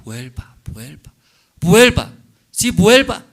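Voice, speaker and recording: Give me a man playing a forgiving husband begging his wife home, slow and imploring. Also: high-pitched, sing-song, fairly bright tone, pitched above the performer's own voice, exaggerated voice. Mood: pleading. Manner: urgent, imploring. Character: forgiving faithful husband, pleading.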